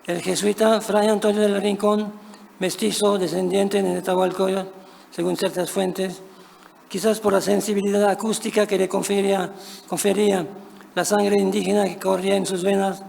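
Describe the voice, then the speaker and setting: A man reading a prepared academic paper at a conference, measured and careful, now and then correcting a word. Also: high voice, gravelly, darkish tone. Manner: measured, careful delivery with occasional self-corrections. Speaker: conference speaker. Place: large conference hall. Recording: reverberant conference hall, faint noise.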